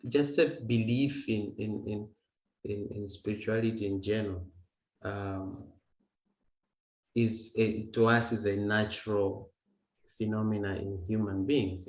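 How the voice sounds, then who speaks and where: A man's voice: on the low side, darkish tone. A man talking casually as a guest musician, stumbling and repeating words as he explains. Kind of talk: singing and casual talk over video call. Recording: echoey, dull lo-fi sound with guitar. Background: guitar music.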